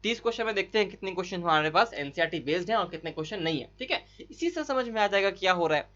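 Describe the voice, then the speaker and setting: A man tutoring biology for an entry exam, rushing through solutions in a chatty, coaxing way with frequent tag questions to his students. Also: sits high, expressive, a bit bright, highs cut off. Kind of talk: fast online exam-solution lesson.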